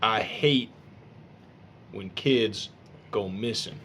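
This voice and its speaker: A man voicing a gruff, blunt male detective, talking curtly in a low grumble. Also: drawn-out words, a bit bright, a little hiss or hum.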